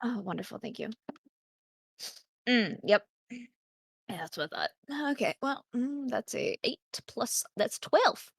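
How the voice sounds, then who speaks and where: A woman's voice: a little high, animated, a little slow, gravelly, pauses often, breathy edge, dry recording. A woman chatting casually as a player in a tabletop game, with a dry, sarcastic manner.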